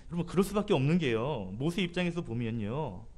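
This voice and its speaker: A man's voice: fairly high pitch, very animated, brisk, darkish tone. A man preaching a sermon as a pastor, emphatically addressing his congregation.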